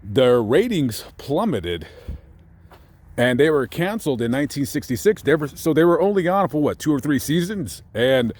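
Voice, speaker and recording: A man's voice: mid-range voice, big pitch swings, moderate pace, a little mellow. A man chatting casually while visiting a cemetery, meandering with lots of fillers and self-corrections. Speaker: vlogger visiting famous graves. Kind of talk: casual rambling commentary. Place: outdoors at a cemetery.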